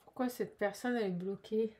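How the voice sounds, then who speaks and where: A woman giving a casual, chatty tarot card reading, animated and full of fillers. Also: mid-range voice, fairly quick, a little hiss or hum.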